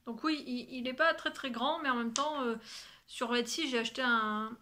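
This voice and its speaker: Bright-voiced chatty woman crafter. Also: on the high side, normal speed. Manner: chatty, rambling, swears casually. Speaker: sewing and knitting vlogger. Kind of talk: casual chat to camera.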